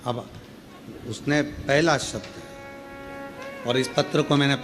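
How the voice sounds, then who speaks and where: A male preacher from India giving a devotional sermon to a live crowd, repeating phrases for rhythm and stretching key words into high, drawn-out peaks. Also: fairly even intonation, over music. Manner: reads a devotee's letter aloud between remarks. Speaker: preacher telling a Shiva Purana katha.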